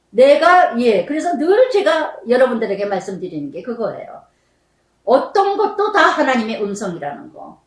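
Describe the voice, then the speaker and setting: An older woman pastor giving a sermon, telling a personal testimony and acting out remembered quarrels with strong emotion. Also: high voice. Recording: echoey church hall, mic at a distance.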